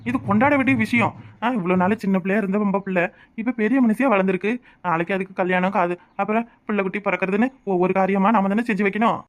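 A woman voicing a calm, reasonable village father in a cartoon, with a Tirunelveli Tamil accent. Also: mid-range voice, quick pace, lightly acted. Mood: reasoning. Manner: soothing, reasoning. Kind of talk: cartoon voice acting.

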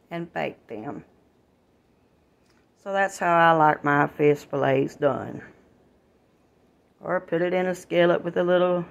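Her voice on the low side and creaky, an older vlogger casually shares her grocery haul in her kitchen, greeting viewers as y'all. The phone recording is homely and relaxed in mood but sounds muffled.

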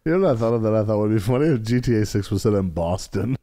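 A man's voice: lowish voice, lively intonation, rapid-fire, dark tone. A young man co-hosting a podcast, blunt and opinionated in casual chat. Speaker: podcast co-host.

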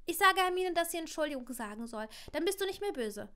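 A woman voicing a small sulky boy who pouts and insists, in a high childish voice, reading a story aloud. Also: lively intonation, quick pace, sharp tone, full character voice. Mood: pleading.

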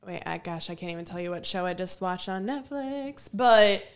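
A woman hosting a podcast in casual back-and-forth chat, friendly and quick to agree. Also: on the low side, lively intonation. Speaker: podcast host.

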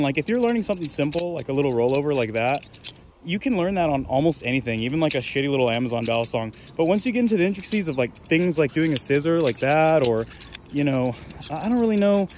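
A young man talking casually on camera about his hobby, in a laid-back style full of fillers. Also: a little high. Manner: laid-back, filler-heavy, lots of "like" and "you know what I'm saying". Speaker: balisong flipping YouTuber. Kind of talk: casual rambling vlog talk. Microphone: camera mic while flipping on camera. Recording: noisy background, traffic and jangling sounds.

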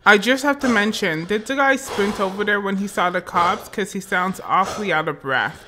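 A woman's voice: mid-range voice, moderate pace, background noise. A woman hosting a commentary channel, giving sarcastic, teasing reaction commentary over clips.

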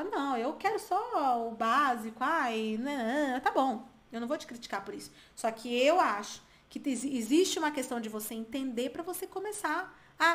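High-voiced, chatty Brazilian woman teacher. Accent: Brazilian Portuguese. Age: 30s. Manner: lively, chatty, addresses viewers directly. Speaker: English teacher. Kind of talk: online pronunciation lesson.

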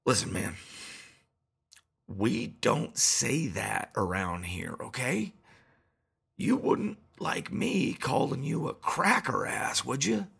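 A man voicing a huge, easygoing swamp ape with a deep, rumbly voice. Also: animated, takes it slowly, vocal fry, a bit bright, husky, full character voice. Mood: laid-back.

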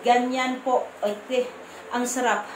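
A woman's voice: a little high, level tone, slow pace, echoey room, slight background noise, low-quality recording. A woman from the Visayas with a Visayan accent, talking casually to camera in a vlog in a firm, blunt tone, often restarting her words. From Visayas, Philippines. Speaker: vlogger. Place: room at home.

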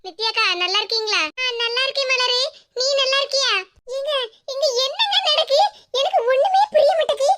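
A woman voicing a young village woman in an animated cartoon, speaking with a Kanyakumari Tamil accent in a very high, sped-up cartoon voice. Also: fairly quick, slight background noise. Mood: puzzled. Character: young village woman, tearful and affectionate sister.

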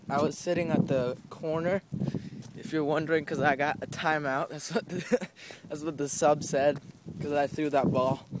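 A man's voice: fairly high pitch, very noisy. A teenage boy vlogging casually while walking his dog outside, talking in a loose, mumbling way. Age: teens. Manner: casual, mumbling, swears lightly. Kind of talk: casual vlog.

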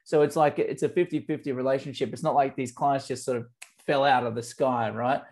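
A man's voice: mid-range voice, steady tone, a little fast, darkish tone. Upbeat host in his thirties on a video call, earphone mic, casual slang, enthusiastic. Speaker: marketing agency host. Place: office with branded backdrop. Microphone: earphone headset.

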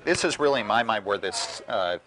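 A winery owner being interviewed, speaking in a relaxed and proud way with frequent fillers. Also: male voice, fairly low pitch, a little fast, a little hiss or hum, poor audio. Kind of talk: casual interview. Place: outdoors at a winery.

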